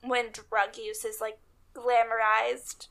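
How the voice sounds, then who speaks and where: A woman's voice: on the high side, flat delivery, takes it slowly, creaky, a bit bright. A woman co-hosting a podcast, chatting casually and leaning on "like" a lot. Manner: chatty, heavy use of "like". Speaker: podcast co-host. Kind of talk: casual chat.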